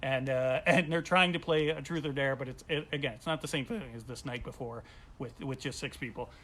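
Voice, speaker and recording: A male comedian at home during quarantine animatedly recounts a funny personal story, performing the voices of the people in it. His voice is medium-pitched and his delivery a little fast.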